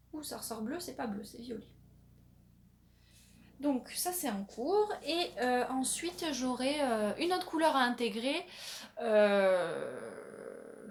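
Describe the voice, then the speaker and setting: A woman hosting a knitting podcast, chatting casually with many pauses and restarts as she shows her yarn. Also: on the high side, slight background noise. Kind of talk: casual show-and-tell chat.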